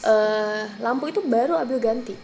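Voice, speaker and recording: A young woman from Indonesia chatting casually in a vlog, referring to herself by her own name and using quick fillers. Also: a little high, a little mellow, rough recording. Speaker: vlogger. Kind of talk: casual chat.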